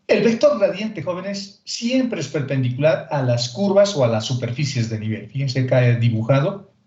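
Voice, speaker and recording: A man's voice: medium pitch, sing-song, moderate pace, darkish tone. A male math teacher giving a recorded calculus lecture, explaining step by step and directly to his students. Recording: echoey room, dull lo-fi sound.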